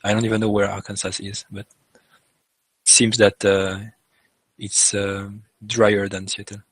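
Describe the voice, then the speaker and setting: A man from France, hosting a casual podcast chat and reacting quickly with a teasing tone. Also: on the low side, monotone, no echo, poor audio. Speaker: podcast host.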